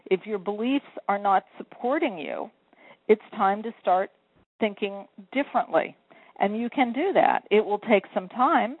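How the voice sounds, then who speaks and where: Heard through a tinny telephone line with no echo, this woman speaks in a mid-range, expressive, unhurried voice. She's a sales coach and author giving earnest, encouraging advice step by step in a phone interview.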